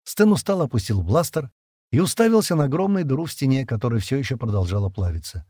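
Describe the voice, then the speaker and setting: A man narrates a science fiction audiobook with a dramatic, expressive delivery. His voice is husky and dark with lively swings in pitch, recorded dry and close. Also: quick pace, no echo. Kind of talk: scripted sci-fi narration.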